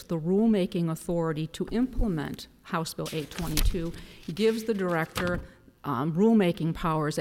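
A woman attorney delivering a formal oral argument to a court in a deliberate, emphatic manner. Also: on the low side, a little mellow. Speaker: appellate attorney. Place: large courtroom. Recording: reverberant hall.

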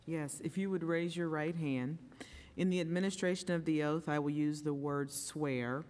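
A woman's voice: sits low, fairly even intonation, moderate pace, darkish tone. A woman justice administering a formal oath in short phrases for others to repeat. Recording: echoey hall, faint crowd.

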